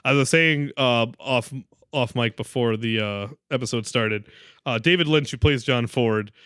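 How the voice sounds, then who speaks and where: A man's voice: medium pitch, a bit bright, clean tone, no echo. Laid-back man agreeing along, dry mic. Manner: frequent quick agreement, laughs along. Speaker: podcast co-host. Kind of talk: casual film discussion.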